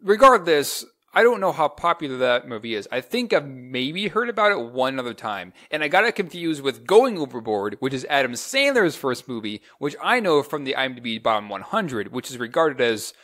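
A man in his twenties chatting casually as a movie reviewer, excitable and rambling, often restarting his sentences. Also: mid-range voice, moderate pace, few pauses. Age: 20s. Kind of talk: casual chat.

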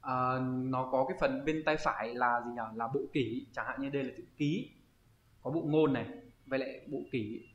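A man teaching an online kanji lesson, often pausing and thinking aloud as he searches for the word. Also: mid-range voice. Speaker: Japanese teacher. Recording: roomy, slightly dull audio.

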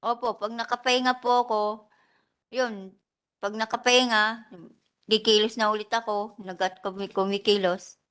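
Female witness, clear smooth higher voice, soft and deferential replies. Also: flat delivery, normal speed, long pauses. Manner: soft, polite, short answers. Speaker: witness, domestic worker. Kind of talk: testimony at a hearing. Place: legislative hearing room.

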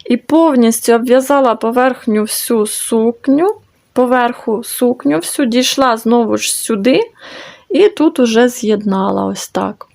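A Ukrainian woman hosts a knitting channel, showing her crochet work while casually chatting and thinking aloud with lots of fillers. Her voice is on the high side, unhurried, gravelly, and a little mellow.

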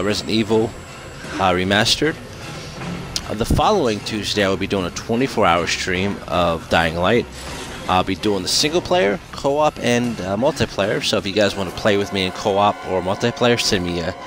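A man giving casual gameplay commentary and channel updates as a streamer, in a loose, halting, informal way. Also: low-pitched. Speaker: game streamer and video creator. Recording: clearly noisy game audio behind voice. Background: video game ambience and noise.

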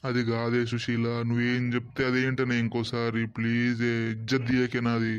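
A man's voice: medium pitch, completely flat delivery, moderate pace, clean tone, lightly acted. A man voicing an anxious henpecked husband in a Telangana Telugu cartoon comedy, pleading with his wife. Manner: pleading, flustered. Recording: muffled lo-fi recording.

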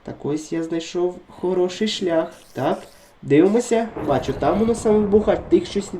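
A man narrates his gameplay in a steady chatter, and his voice sounds worn by illness. His tone is mellow and dark, and he turns excitable when the action heats up, repeating short words. Moments of calm talk alternate with bursts of urgency. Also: sits high, normal speed, a little hiss or hum. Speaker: gaming video creator. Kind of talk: let's-play commentary.

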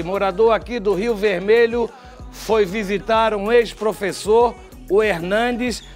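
Older Brazilian male TV host, high-pitched, chatty and wry, lapel mic, faint music bed. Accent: Brazilian Portuguese. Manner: chatty, wry asides, drawn-out sign-offs. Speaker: TV commentator. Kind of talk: studio TV commentary. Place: TV studio.

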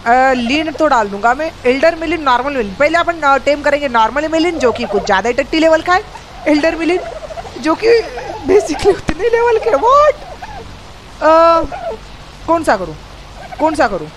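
Gamer host, male, slang, hoarse throat, unusually high pitch, excitable and repetitive, faint room hum. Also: brisk. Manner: excitable, slangy, repeats himself. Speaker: gaming YouTuber host. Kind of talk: live gameplay commentary.

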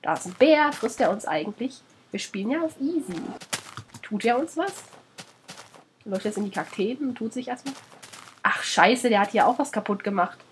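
A woman's voice: on the high side, animated, moderate pace, slight background noise. A woman with a German accent, sick and under the weather, chatting her way through a let's play, scolding the animals in the game and swearing casually.

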